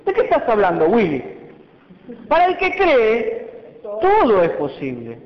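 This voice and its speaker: A man's voice: sits high, wildly swooping pitch, normal speed. A man voicing an indignant teacher who scolds a doubter incredulously. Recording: echoey hall, dull sound.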